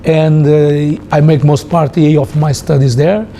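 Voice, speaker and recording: A man from Angola with an Angolan Portuguese accent, a native Portuguese speaker, recalling his life in halting, repetitive English as he searches for words. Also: fairly high pitch, fairly even intonation, dark tone, a little hiss or hum. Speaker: interviewee, former soldier. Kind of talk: personal recollection in an interview.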